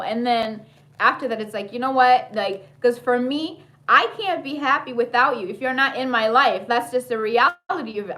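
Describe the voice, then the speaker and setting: A TV recap vlogger with a high, bright voice chats casually through a recap, rambling and animated. She often bursts into laughter and wanders off into asides.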